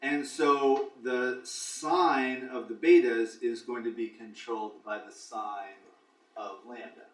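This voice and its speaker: A male lecturer talks a class through the steps at a middle pitch. The sound is roomy and carries a fair distance from the mic in a lecture hall, with now and then a dry aside. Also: steady tone, takes it slowly, a bit bright. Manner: explains step by step, dry asides. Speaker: statistics lecturer. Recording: echoey classroom recorded from afar.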